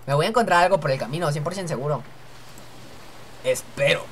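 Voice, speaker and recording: A woman's voice: low voice, quick pace, slight background noise. A young woman hosting a let's-play, chatting and joking to herself as she reads game dialogue aloud. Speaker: gaming channel host.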